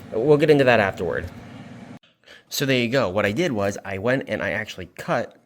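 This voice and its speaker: A man's voice: fairly low pitch, a little hiss or hum. A man hosting a casual craft tutorial vlog, talking in a rambling, informal way with loose asides, recorded in a basement. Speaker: video host. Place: basement room indoors.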